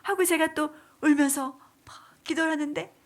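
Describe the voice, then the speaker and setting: A woman's voice: high voice, measured pace, breathy edge. A woman deaconess giving an emotional church testimony, dropping to whispers and rising into pleading cries. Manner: dramatic, drops to whispers then rises into pleading cries.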